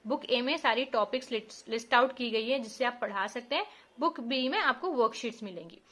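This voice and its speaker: Indian mom in her 30s teaching phonics, slightly high voice, slow careful letter sounds. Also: bright, forceful tone. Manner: explains patiently, spells out letter sounds slowly. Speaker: parent reviewing a phonics book. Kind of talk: teaching walkthrough.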